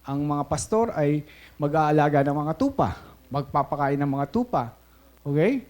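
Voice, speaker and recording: A man's voice: on the high side, moderate pace, a little mellow. A Filipino man preaching a sermon as pastor, telling stories with animation, switching between English and Tagalog and often checking in with "Okay?".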